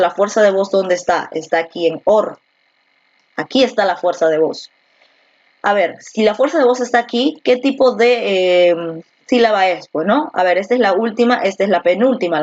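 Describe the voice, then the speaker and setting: A woman teacher giving an online class, patiently repeating words slowly to show where the stress falls and asking the student questions. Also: medium pitch, lo-fi sound. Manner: asks rhetorical questions to the student. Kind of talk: virtual class lesson.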